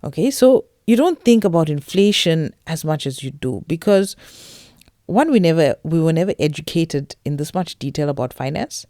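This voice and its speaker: A woman's voice: low voice, expressive, moderate pace, dark tone, dry recording, studio quality. A woman from South Africa with a Durban Indian English accent, hosting a podcast in an emphatic, conversational way and addressing listeners directly. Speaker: podcast host. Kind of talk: conversational financial podcast presenting.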